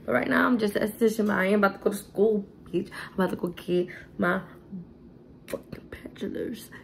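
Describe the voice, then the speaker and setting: A woman's voice: mid-range voice, a little fast, gravelly, slight background noise. A tipsy young woman, chatting casually through a makeup tutorial in a rambling, sassy way, swearing freely. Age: young adult. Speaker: beauty vlogger.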